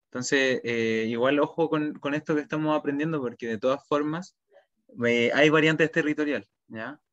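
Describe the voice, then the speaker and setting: A man teaching a language class over a video call, saying each word slowly twice and then giving its meaning. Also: fairly high pitch, a bit bright, dull audio. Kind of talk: online vocabulary class.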